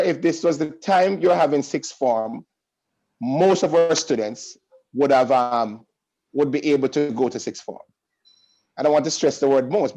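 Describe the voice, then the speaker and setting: A middle-aged man speaking as a school principal on a video call, in an earnest, reassuring tone. His voice is warm and mellow, and he leans into a preacher's cadence, circling back to restate his points. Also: fairly high pitch, low-quality recording. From Jamaica. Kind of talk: welcome speech on an online call.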